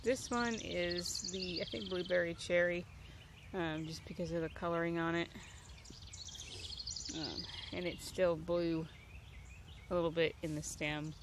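A woman in her thirties gives a casual, rambling tour of her backyard garden, thinking aloud with plenty of ums. Her voice is fairly low, with fairly even intonation, and she speaks a little slowly, pausing often. It's recorded outdoors on a handheld phone camera, with background noise, birds, and nature sounds.

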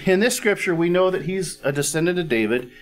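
A man's voice: high voice, lively intonation, moderate pace. A middle-aged man preaching a sermon on a church stage, teaching in a conversational way and checking in with his listeners. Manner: conversational teaching, frequent "all right?" check-ins; clears throat now and then. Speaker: pastor. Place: church stage with a cozy fireplace set.

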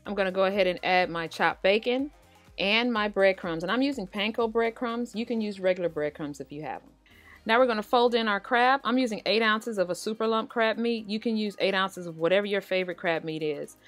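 With a mid-range, brisk voice, this American woman guides viewers through a recipe on her cooking show. Her narration is casual and conversational, aimed right at the people watching, and background music plays underneath.

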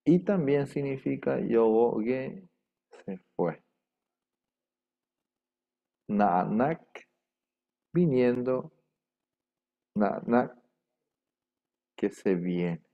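A man teaching a language class, repeating words slowly and carefully and dictating them for students to write down. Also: mid-range voice, animated, gravelly. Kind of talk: slow repetitive language class. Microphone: microphone. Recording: dull lo-fi room microphone.

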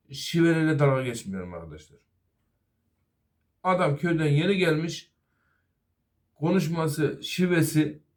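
A middle-aged man, a master auto mechanic, giving an earnest safety talk to fellow workers and apprentices. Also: a little high. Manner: earnest, advising, repeatedly addressing "arkadaşlar".

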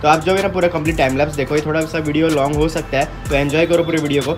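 Inside a metal-walled garage, a young vlogger talks quickly to camera as he shows off the custom motorbike he's building. His voice sits a little high and stays steady, and he explains each step casually in Hindi sprinkled with English words while background music runs underneath.

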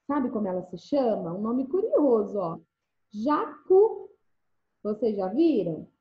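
A high-voiced woman teaches small children, her pitch swooping up and down in a coaxing, sing-song way. The sound is dull and lo-fi, with an echoey room around her. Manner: sing-song, coaxing, with frequent checks for agreement. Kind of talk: remote first-grade lesson.

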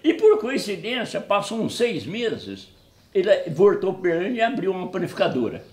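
Lively mineiro man telling tales. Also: high-pitched, moderate pace, echoey room. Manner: animated, acts out dialogue, laughs often. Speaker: storyteller guest. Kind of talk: casual anecdote telling.

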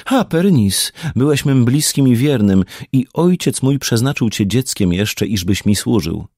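A proud, grief-stricken queen speaks in a pitched-up, sweeping voice, slow and pained, as a male narrator puts her on. Her tone swings widely from low to high. The reading is close and dry, with no room sound. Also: lively intonation, a little mellow, breathy edge, no echo. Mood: cold. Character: proud wounded young queen, bitter. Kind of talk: audiobook character reading.

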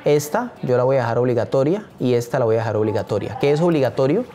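Upbeat teacher. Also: male voice, mid-range voice, expressive, fast talker, warm tone, faint music behind. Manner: enthusiastic, addresses viewers directly. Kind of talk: screen-share tutorial.

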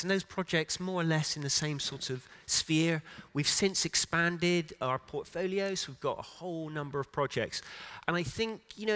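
A man's voice: mid-range voice, a bit bright. A middle-aged man giving an unscripted keynote talk on a conference stage, with frequent restarts and fillers. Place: conference stage in a large hall.

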